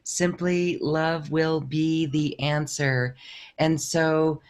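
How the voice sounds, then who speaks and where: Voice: medium pitch, little pitch movement, extremely slow. A session participant speaking in an earnest, appreciative way. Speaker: session participant thanking a channeler.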